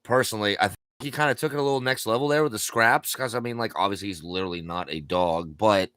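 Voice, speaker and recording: A man's voice: lowish voice, quick pace, a bit bright, clean tone, dry recording, studio quality. A man hosting a casual interview, rambling with many fillers and restarts and the odd swear. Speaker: podcast host.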